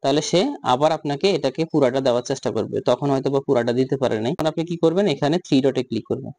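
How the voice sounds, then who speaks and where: A man talking through a software tutorial step by step, asking himself questions and answering them. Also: medium pitch, very fast, no echo. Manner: repetitive step-by-step instructions, rhetorical questions. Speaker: tutorial host. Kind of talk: screen-recorded software tutorial.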